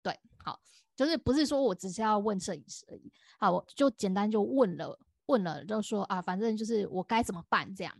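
A young woman with a Taiwanese Mandarin accent, co-hosting a podcast and telling a story in an animated way, laughing often. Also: medium pitch, brisk, creaky, no room sound, clean studio sound. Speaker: podcast co-host. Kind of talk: casual chat.

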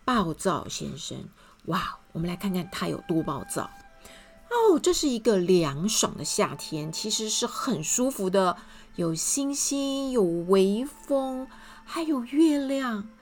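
Animated woman reading to kids. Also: medium pitch, slow, soft background music. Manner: animated, talking to children. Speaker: storyteller. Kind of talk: children's story reading.

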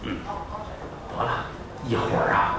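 A man's voice: a little slow, pushed and bright, a little hiss or hum. A middle-aged man telling a comic traditional story with playful asides on a live stage, recorded from a distance in an echoey hall.

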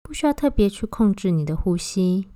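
A woman guiding a body-scan meditation, giving gentle, unhurried instructions with long pauses between phrases. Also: medium pitch, lively intonation, no room sound, clean studio sound. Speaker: meditation guide.

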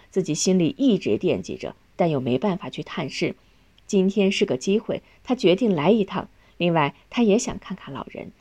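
A woman reading a novel aloud in calm, steady scripted narration. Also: fairly low pitch. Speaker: audiobook narrator.

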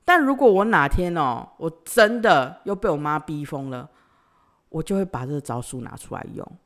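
A woman, hosting a podcast and telling a personal story, swinging between loud outbursts and quiet sighs. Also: deep voice, expressive, moderate pace. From Taiwan. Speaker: podcast host.

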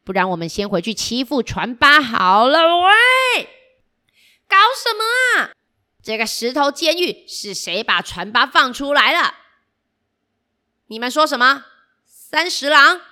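A woman voicing a bullying boss stag beetle in a picture book, gloating, commanding and quick to rage. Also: medium pitch, lively intonation, pushed and bright. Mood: puzzled, angry. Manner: blustering, commanding. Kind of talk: picture-book read-aloud.

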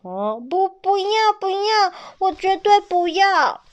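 A high, childlike baby ankylosaur, as a woman storyteller puts it on, sweet and clingy with a pleading little voice. It belongs to a read-aloud picture book, eager and adoring. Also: measured pace, lo-fi sound. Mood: tearful.

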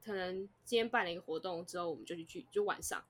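A young woman, co-hosting a podcast and telling a story in casual, animated chat. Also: fairly low pitch, fast. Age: young adult. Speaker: podcast co-host.

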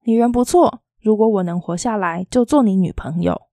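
Woman reading as a blunt, fierce teenage girl, gently lilting, mellow voice, dry close sound. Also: medium pitch, normal speed, dry recording, close to an everyday voice. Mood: teasing, sad. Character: fierce, blunt teenage city girl, secretly gravely ill.

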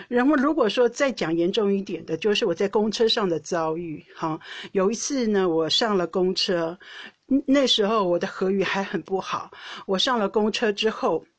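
A woman's voice: mid-range voice, normal speed, no echo. A woman from Taiwan with a Taiwanese Mandarin accent, hosting a podcast and telling a personal story in a chatty way, often restarting her sentences with small laughs. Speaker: podcast host. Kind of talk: casual storytelling monologue.

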